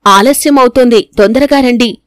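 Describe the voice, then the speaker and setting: A woman's voice: on the high side, normal speed, dry recording, clean studio sound, lightly acted. A woman voicing a cold stepmother who speaks curtly. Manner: curt.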